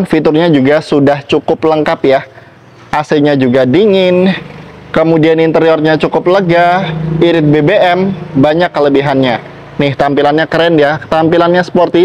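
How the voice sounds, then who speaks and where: A man's voice: on the high side, darkish tone, muffled recording. A man presenting used cars in a salesmanlike walkaround, talking up each feature. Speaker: used car seller presenting stock.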